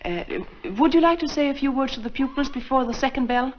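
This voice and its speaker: Proper young nun, gently reproving, acted by a woman; dull 1940s film sound with light hiss. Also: sits high, fast talker, lightly acted. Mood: formal. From Sweden, raised in Minnesota. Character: earnest, proper young nun running a school. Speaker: nun heading a school.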